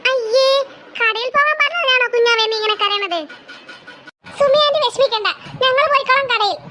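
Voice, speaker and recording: A woman's voice: very high-pitched, normal speed, bright, forceful tone, a little hiss or hum. A woman voicing cheerful, helpful neighbor kids in a cartoon, eager and chirpy. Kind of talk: cartoon voice acting.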